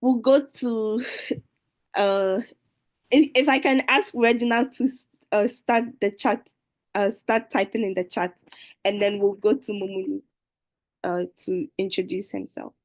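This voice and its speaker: A woman's voice: mid-range voice, steady tone, unhurried, poor audio. A woman hosting an online dating show over a video call, speaking hesitantly with many fillers. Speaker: host.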